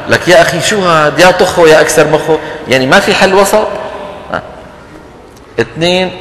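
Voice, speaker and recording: Man teaching in an echoing hall. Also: fairly high pitch. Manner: lively and teasing, chanting example words slowly. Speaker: Quran recitation teacher. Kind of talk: lecture on tajweed, mixing dialect and formal Arabic. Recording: roomy hall with long echo, faint hum.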